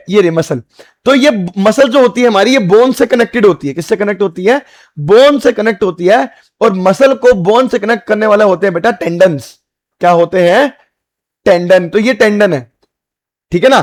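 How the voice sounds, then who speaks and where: A man with an Indian accent delivers an exam-prep biology lecture in a fairly high voice. He repeats each point, asks the class whether it is clear, and calls the students "beta" and "bhai". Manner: repetitive, asks students if they understood. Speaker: biology teacher.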